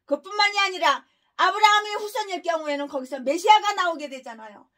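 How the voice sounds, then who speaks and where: A woman's voice: very high-pitched, animated, brisk, sharp tone. A woman pastor preaching a sermon in a harsh, scolding way, firing off rhetorical questions and crude insults. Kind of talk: expository sermon.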